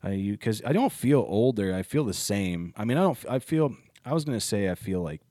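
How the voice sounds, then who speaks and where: Guy in his 30s rambling on a podcast, deep voice, dry close sound, laughs at himself a lot. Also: lively intonation, warm tone, dry recording. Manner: rambling, self-deprecating, quick laughs. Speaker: podcast host, comedian. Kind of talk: casual chat.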